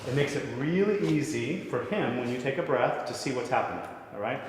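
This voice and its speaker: A man's voice: mid-range voice, expressive, a little fast. Man teaching voice in an echoey hall. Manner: conversational, often checks in with "right?". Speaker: voice teacher leading a masterclass. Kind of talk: masterclass teaching. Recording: echoey hall with long reverb, faint noise.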